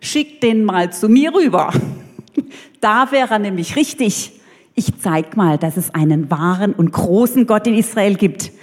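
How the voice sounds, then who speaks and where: A woman's voice: medium pitch, lively intonation, a little slow. A brash messenger of a prophet, a grown man who talks with cocky, teasing ease, as a woman acts him out. His breezy words ring in a church hall with a long reverb.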